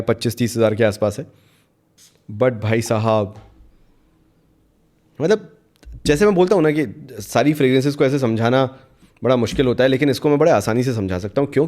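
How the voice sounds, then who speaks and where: A man reviewing perfumes in a casual chat, switching between Hindi and English and talking straight to the viewer. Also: medium pitch. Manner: chatty Hindi-English code-mixing, animated, addresses viewer directly. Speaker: fragrance reviewer.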